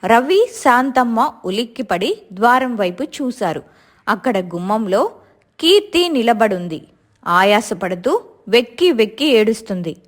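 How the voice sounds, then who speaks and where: A woman storyteller reading a scripted family story aloud in an expressive, dramatic way. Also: a little high, unhurried.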